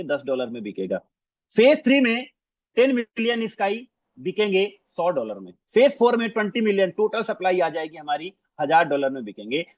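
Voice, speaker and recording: High, animated man presenting. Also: dry recording. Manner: animated, repeats phrases, mixes English words. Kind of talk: screen-share walkthrough.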